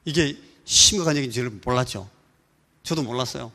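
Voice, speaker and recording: A Korean man preaching as pastor, telling an animated story and mimicking rooster crows and voices. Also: mid-range voice, fast talker. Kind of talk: sermon. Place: church sanctuary. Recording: church hall reverb.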